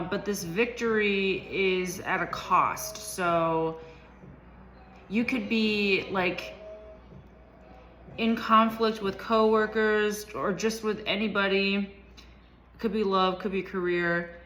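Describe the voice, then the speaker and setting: A woman's voice: medium pitch, fairly even intonation, takes it slowly, a bit bright, slight background noise. A woman giving a casual tarot reading, talking loosely with many ums and likes. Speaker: tarot reader.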